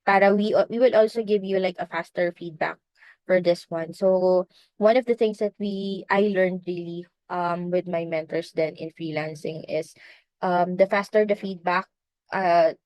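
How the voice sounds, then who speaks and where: A woman with a Filipino accent, her voice sitting a little low, talking through a relaxed screen-share lesson. She drifts between languages mid-sentence, stops for fillers and restarts, and sounds close and dry on the mic. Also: normal speed, no echo, poor audio. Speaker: virtual assistant trainer. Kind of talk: casual screen-share training.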